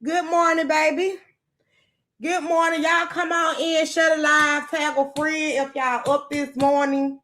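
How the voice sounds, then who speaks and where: A high-voiced woman rants on a livestream, angry and profane after a sleepless night. She curses freely and keeps breaking off to greet viewers by name. Her delivery is raw and heated. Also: level tone, measured pace, fairly bright tone. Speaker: podcast host on a livestream. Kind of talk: unscripted livestream rant.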